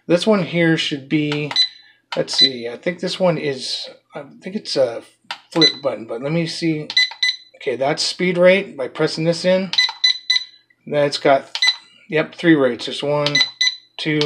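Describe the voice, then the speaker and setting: A man's voice: on the high side, very noisy. A man giving a casual, rambling product review of a small drone, talking through the parts with many fillers and restarts.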